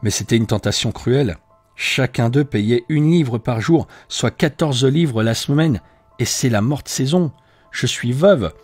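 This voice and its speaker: A man's voice: mid-range voice, unhurried, a little mellow, breathy edge, no room sound, faint music behind. A man voicing an anxious middle-aged widowed landlady who speaks in a troubled, pleading way. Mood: weary.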